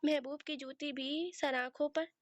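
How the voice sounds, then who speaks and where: A woman's voice: sits high, little pitch movement, unhurried, lo-fi sound. Woman reading as a flirty teasing friend.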